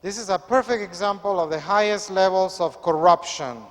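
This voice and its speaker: Priest in an echoey church. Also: male voice, high-pitched. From Peru. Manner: measured, earnest preaching. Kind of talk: Gospel reading and sermon.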